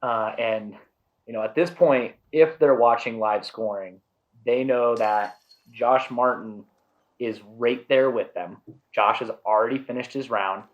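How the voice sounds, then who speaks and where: A man calls a disc golf round in the casual manner of a golf commentator. He is supportive of the players as he follows each shot. The recording is a little dull and lo-fi, and his pitch sits in an ordinary middle range. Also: unhurried.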